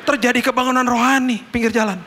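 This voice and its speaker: A middle-aged man, a pastor preaching a storytelling sermon and acting out the dialogue with big swings in pitch. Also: fairly even intonation, fast talker, bright, forceful tone.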